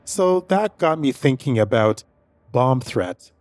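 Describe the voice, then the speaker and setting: With no echo in the room, a man hosting a story podcast slowly recounts a personal anecdote in a chatty, wandering manner full of repetition. His voice is mid-range and sing-song, with a darkish color.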